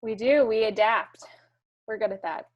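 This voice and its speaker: Bubbly young woman with a higher voice. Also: normal speed, highs cut off. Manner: bubbly, laughs often, animated storytelling. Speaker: podcast guest, physical therapy student. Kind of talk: casual podcast chat.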